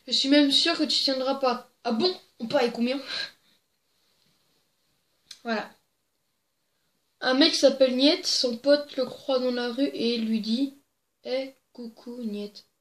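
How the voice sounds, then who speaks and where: Giggly high-voiced young woman telling jokes. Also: a little slow, pauses often. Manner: giggly, rambling, crude asides. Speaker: joke-telling video host. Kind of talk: casual joke reading to camera. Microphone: plugged-in desk microphone. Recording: echoey room.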